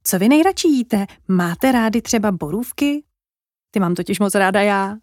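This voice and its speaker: A woman's voice: medium pitch, animated, darkish tone, dry recording, studio quality, lightly acted. A woman voicing a curious, kind little girl in a children's story. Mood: eager.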